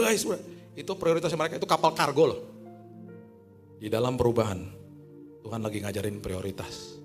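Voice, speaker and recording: Animated storytelling preacher, slang. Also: male voice, on the low side. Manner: storytelling preacher, swings from hushed to loud excited peaks; casual Jakarta slang mixed into preaching. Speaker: pastor. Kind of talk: sermon.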